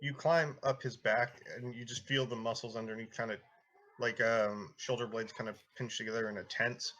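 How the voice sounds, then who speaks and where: A man with a bright, forward voice runs a tabletop fantasy game. His pitch is average, and he describes scenes off the cuff in a casual, conversational storytelling manner. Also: steady tone, moderate pace, highs cut off. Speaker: game master.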